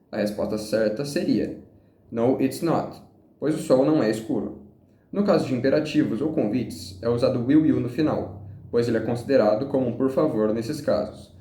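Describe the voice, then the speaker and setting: A man reading a grammar lesson aloud in a steady, read-out way. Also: medium pitch. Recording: roomy echoey recording.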